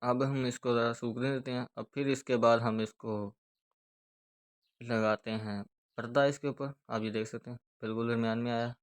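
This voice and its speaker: A man with a Pakistani Urdu accent giving a hands-on speaker repair tutorial, explaining each step steadily as he works. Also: mid-range voice. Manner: steady, repetitive explaining while working with hands.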